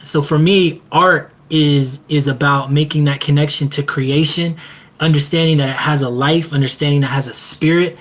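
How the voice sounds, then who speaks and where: A man speaking as a hip-hop artist on a panel, earnest and measured, with a rhythmic, reflective delivery. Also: a little high, fairly even intonation, fairly bright tone.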